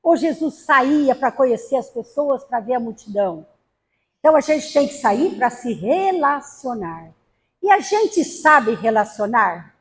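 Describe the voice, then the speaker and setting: High-voiced Brazilian woman lecturer. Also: sing-song, a little slow. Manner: storytelling with acted quotes and humor. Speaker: spiritist lecturer. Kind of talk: spiritist talk to a gathering. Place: spiritist center hall.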